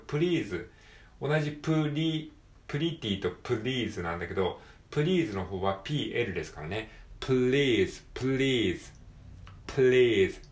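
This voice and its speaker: A man with a Japanese accent, slowly repeating English sounds and words in a casual pronunciation lesson. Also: fairly low pitch, fairly bright tone. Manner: slow, repetitive drilling of sounds and words. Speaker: English pronunciation practice host. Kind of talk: casual self-study read-aloud lesson. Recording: echoey room.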